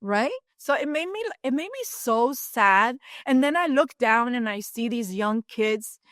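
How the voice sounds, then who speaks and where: A woman in her fifties from Cuba, telling a personal story as a podcast guest with animated asides. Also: a little high, measured pace, dry recording, clean studio sound. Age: 50s. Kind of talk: storytelling in an interview.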